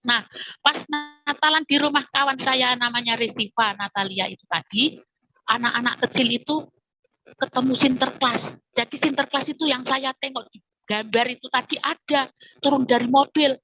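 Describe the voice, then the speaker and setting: A woman's voice: high-pitched, normal speed, no room sound. A woman with a Javanese accent telling her life story as a testimony, acting out the voices of people in it. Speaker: testimony speaker. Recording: dull lo-fi recording.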